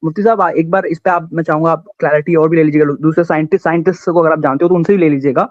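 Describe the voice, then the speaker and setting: A man's voice: fairly high pitch, steady tone, racing, no room sound. A male caller from India, heard over a call line, who argues earnestly and halts as he searches for words. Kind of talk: call-in debate question. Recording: dull lo-fi call audio, dry.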